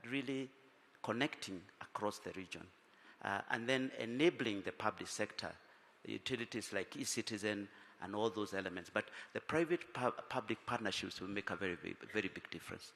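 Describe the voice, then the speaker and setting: A man with a lowish, fairly bright voice and vocal fry speaks briskly as a panelist in a reverberant conference hall. Weary from little sleep, he gives a businesslike answer marked by many fillers and restarts.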